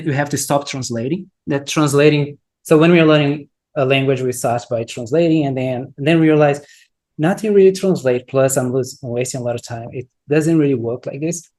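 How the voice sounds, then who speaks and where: With a soft, warm voice on the high side, this guy speaks haltingly and thinks out loud. He's a Brazilian software entrepreneur, first language Brazilian Portuguese, giving casual interview answers with frequent restarts as he thoughtfully looks for the right words.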